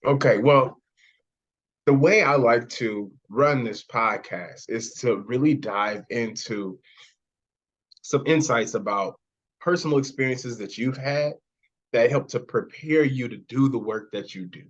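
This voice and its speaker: A man's voice: medium pitch, a little slow. Upbeat man podcast host, slightly muffled. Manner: upbeat, enthusiastic, frequent praise. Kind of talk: casual interview chat.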